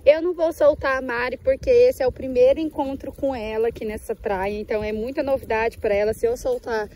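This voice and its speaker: A woman's voice: steady tone, fairly quick, mellow, rough recording. A woman talking casually as a travel vlogger outdoors at a beach resort, speaking into a handheld camera and often chatting to her dog. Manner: chatty, talks to her dog in a high sweet voice. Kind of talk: casual travel vlog narration.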